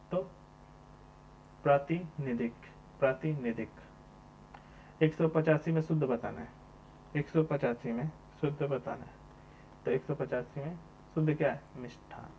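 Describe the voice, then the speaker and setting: Man teaching, repeating each question. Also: on the high side. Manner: repeats each question number, asks and answers himself. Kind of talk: exam answer walkthrough. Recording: dull lo-fi sound with mains hum.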